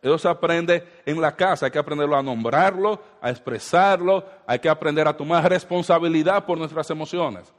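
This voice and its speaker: Pastor guy preaching, kinda high voice, lots of questions to the crowd, long echoey church hall. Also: normal speed, hardly any pauses. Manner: preaching with rhetorical questions to the congregation. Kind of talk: sermon.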